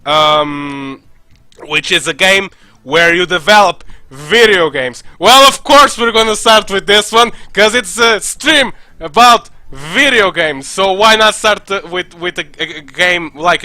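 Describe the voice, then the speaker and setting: Brief: young male streamer, high and bright voice, loose rambling podcast chat full of "um" and "like.". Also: no echo, rough recording. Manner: rambling, with many fillers and restarts.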